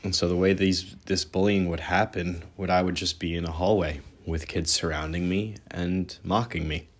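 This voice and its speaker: Deep-voiced young man telling his story. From born in Israel, raised in New York. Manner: earnest and candid, with small restarts. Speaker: podcast host. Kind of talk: personal storytelling monologue.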